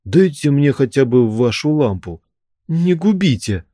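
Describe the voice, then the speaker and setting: A man's voice: mid-range voice, big pitch swings, a little slow, warm tone, no room sound, clean studio sound, pitched above the performer's own voice. A man voicing a frightened young man who timidly pleads to be let go. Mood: frightened pleading.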